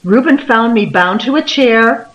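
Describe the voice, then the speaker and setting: A woman voicing a female library director who calls out to calm a panicked crowd. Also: a little high, measured pace, lo-fi sound, pitched above the performer's own voice. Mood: explaining. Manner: pleading then explaining firmly.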